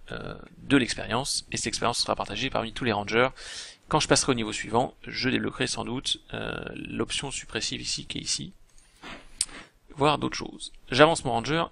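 Man, gravelly fry, bright tone, casual gameplay commentary, hesitant thinking aloud. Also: medium pitch. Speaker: game video host.

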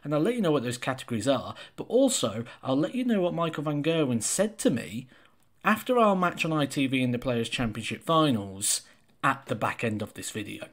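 A man in his thirties talks casually into his webcam from a small room, swapping in quick impressions of other players' remarks as he goes. He sits close to the camera, and his delivery is relaxed and anecdotal. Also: medium pitch. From England. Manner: chatty and anecdotal, acts out players' remarks in quotes. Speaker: professional darts player and channel host. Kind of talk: solo talk to camera. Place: small indoor room with a brick-pattern wall.

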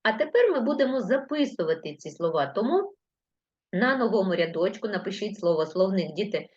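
A woman teaching primary school children in a live online lesson, patiently dictating words slowly letter by letter. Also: medium pitch, sing-song, a little mellow. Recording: lo-fi livestream audio.

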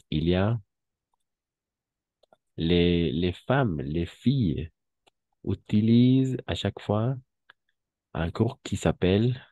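A man's voice: sits low, dark tone, no echo, highs cut off. A man teaching a French lesson, patiently explaining and switching between French and Spanish. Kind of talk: online language lesson.

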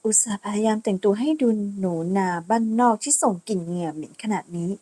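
A woman voicing a haughty young noblewoman who bullies others with sneering contempt, pitched lower than her own voice. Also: fast, warm tone, lightly acted.

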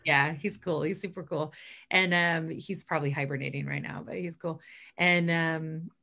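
A woman's voice: low-pitched, fairly even intonation, moderate pace, vocal fry, pushed and bright. A woman in her late thirties, a stage manager and professor, chatting upbeat with lots of fillers and asides in a casual interview over a video call from a small bedroom. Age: 30s. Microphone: laptop webcam mic on a video call.

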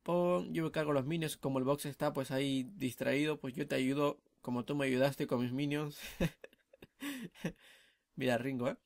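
A young man, chatting excitedly while commentating his own gameplay, full of tag questions. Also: on the high side, unhurried, gravelly, no room sound, clean studio sound. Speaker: gamer commentating his match.

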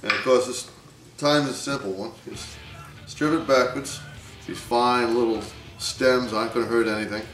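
A middle-aged man hosts a home cooking show, casually demonstrating a recipe in a relaxed, folksy style with wry jokes. His mid-range voice moves at normal speed over music and sizzling pans in a home kitchen, picked up from a distance by a camera mic in an echoey home video.

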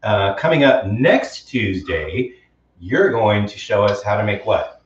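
A man's voice: lowish voice, very animated, unhurried, noisy background. A man hosting a casual live-stream cooking show from home, chatty and enthusiastic, reading viewer comments aloud. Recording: roomy, distant, dull live-stream audio.

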